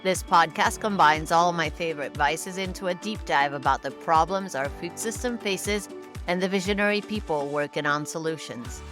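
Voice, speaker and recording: A woman's voice: lowish voice, moderate pace, music in the background. A woman hosting a podcast, opening the episode with an upbeat, enthusiastic welcome and then questioning her guest. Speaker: podcast host. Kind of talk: podcast intro and interview.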